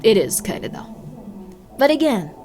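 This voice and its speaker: A young woman livestreams, chatting casually with viewers and reading out their comments. Her slightly mellow voice swings widely in pitch at a moderate pace, and she rambles, laughs often and leans on "like" as filler.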